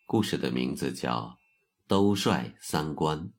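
A middle-aged man narrating a story in a measured, storyteller's way as a show's host. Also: rumbling low, lively intonation. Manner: slow, measured storyteller's delivery.

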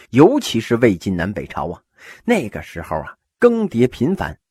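Animated male storyteller. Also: medium pitch, breathy edge, no echo, clean studio sound. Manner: animated, acts out characters. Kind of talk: humorous history storytelling.

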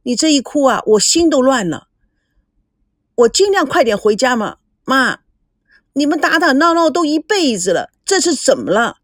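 A woman voicing a distraught young woman who pleads and shouts through tears. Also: high-pitched, big pitch swings, moderate pace, no room sound, clean studio sound. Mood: pleading. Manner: urgent, pleading then shouting.

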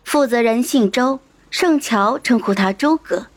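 A woman's voice: a little high, a little slow. A woman narrating a novel as an audiobook, telling the story expressively.

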